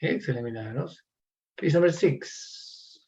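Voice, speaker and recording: A man's voice: fairly high pitch, lively intonation, unhurried, a little mellow, breathy edge, highs cut off. A man teaching an English class, encouraging students and calling on them by name.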